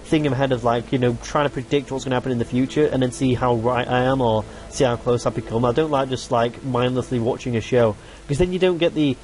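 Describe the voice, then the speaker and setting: A man's voice: medium pitch, fairly even intonation, quick pace, darkish tone, low-quality recording. A young man hosting a casual podcast chat, rambling and restarting his sentences and swearing casually. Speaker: podcast host.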